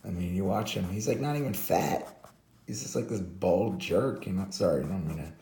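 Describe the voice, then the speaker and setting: Hoarse, low-voiced man rambling. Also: moderate pace, warm tone, echoey room, a little hiss or hum. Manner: rambling, many fillers, self-interrupting. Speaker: host. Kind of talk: casual commentary while drawing.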